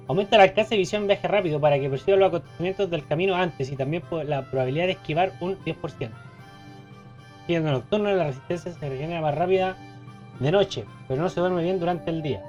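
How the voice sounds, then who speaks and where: A man's voice: fairly high pitch, darkish tone, muffled recording. A man with a Chilean accent giving casual, joking let's play commentary, reading game text aloud. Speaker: gaming streamer.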